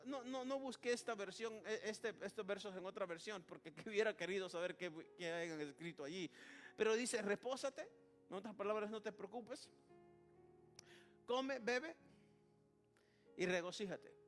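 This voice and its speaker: Male preacher, very high voice, sermon full of "hermano" and praises, soft music under it. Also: normal speed. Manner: repeats "hermano" and "alabado sea el nombre de Jesús", with many restarts.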